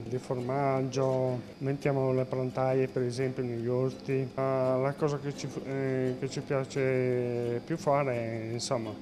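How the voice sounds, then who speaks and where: Male cooperative member, casual interview, flat intonation, music clearly underneath. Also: mid-range voice. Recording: music playing behind the voice.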